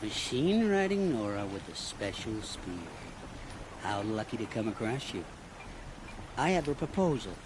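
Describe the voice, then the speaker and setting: A sly flattering game schemer. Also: male voice, lowish voice, unhurried. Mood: scheming. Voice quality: wheedling, theatrical. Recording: game audio with background noise.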